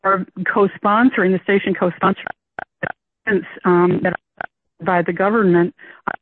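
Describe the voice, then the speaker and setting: An older community caller giving public comment over a phone line that breaks up with clipping and tapping, speaking haltingly with many fillers. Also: medium pitch, steady tone, slight background noise. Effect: breaking-up phone connection with clipping and tapping. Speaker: community caller at a board meeting. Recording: tinny, dry phone line.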